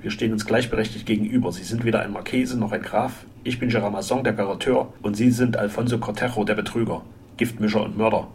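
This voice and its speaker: A man voicing Gérard, a gruff French henchman. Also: fairly low pitch, slight background noise, natural voice. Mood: stern. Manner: gruff, forthright, menacing warnings. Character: burly tough male French henchman, blunt and proud.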